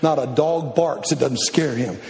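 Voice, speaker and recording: A man preaching a sermon to missionaries, animated, with shouted bursts and acted-out voices. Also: medium pitch, unhurried. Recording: echoey hall.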